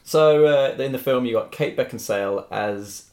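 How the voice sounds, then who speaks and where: Man, podcast host, casual film talk, halting phrasing, echoing room. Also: mid-range voice, darkish tone. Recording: roomy, echoing room sound.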